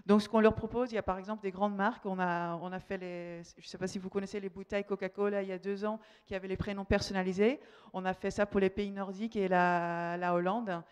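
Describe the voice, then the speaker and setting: Dutch-accented woman presenting in French, halting delivery. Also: medium pitch, fairly even intonation, a little mellow, clean tone. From Netherlands. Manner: hesitant, halting, repeats words mid-phrase. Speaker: company representative, conference speaker. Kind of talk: conference presentation.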